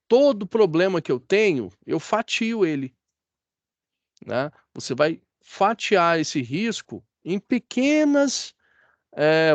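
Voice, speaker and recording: A Brazilian man gives a classroom lecture in a somewhat high voice. His speech is dry and close, with no room echo. He chats easily and keeps checking that the class follows him. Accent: Brazilian Portuguese. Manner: chatty, asks the class for agreement. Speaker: teacher.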